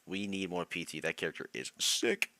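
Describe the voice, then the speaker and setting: A man's voice: sits low, moderate pace, pushed and bright, no room sound. A young man on a live stream, chatting casually about competitive players and reacting to chat, laughing often.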